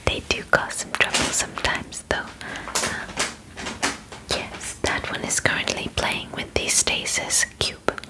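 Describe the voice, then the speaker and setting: Inside a small bedroom, a woman in her 20s performs an ASMR roleplay as a polite, matter-of-fact female alien examiner. She whispers in a soft, breathy voice, her formal phrases gentle, measured and halting, with brief pauses.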